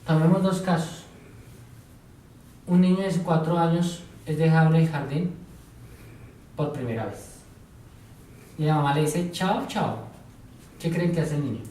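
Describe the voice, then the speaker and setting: A man's voice: on the high side, normal speed, long pauses, warm tone. A man gives a psychology lecture to a class, asking questions and going through examples one step at a time. He sounds far from the mic, and the room rings with heavy echo. A faint hiss sits under the voice. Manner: asks the class questions and repeats their answers; tells examples step by step, now and then playing a teacher or patient.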